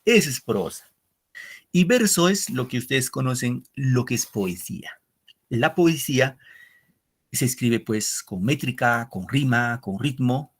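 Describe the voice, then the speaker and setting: Gravelly teacher man, repeats himself. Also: mid-range voice, expressive, measured pace. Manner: explains with repetition and asks "¿no?" often; addresses pupils as "queridos muchachos". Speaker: literature teacher. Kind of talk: online class lecture.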